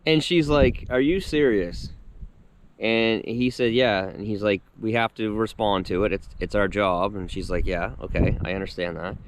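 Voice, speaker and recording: A man's voice: lowish voice, moderate pace, hardly any pauses, clean tone. A man in his thirties vlogging outdoors on his rural property, telling a story and acting out what people said. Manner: animated retelling, acting out quotes. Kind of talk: casual storytelling to camera.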